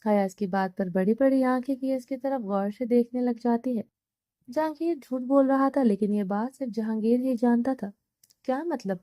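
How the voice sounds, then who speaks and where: A woman reading a romance novel aloud as narrator, in a steady, measured storytelling voice. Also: a little high, no room sound. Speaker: novel reader.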